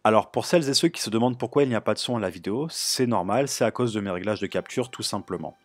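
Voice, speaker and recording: A man hosting a computer tutorial, explaining step by step in a relaxed way with frequent filler sounds. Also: fairly low pitch, quick pace, no echo, clean studio sound. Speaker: tutorial host. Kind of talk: screen-recorded tech tutorial.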